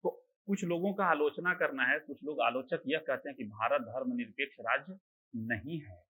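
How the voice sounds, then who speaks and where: A man teaches an online exam-prep class, asking rhetorical questions, answering them himself, and repeatedly checking that students follow along. His medium-pitched voice is pushed, bright, and slightly rough at normal speed, and the audio is poor.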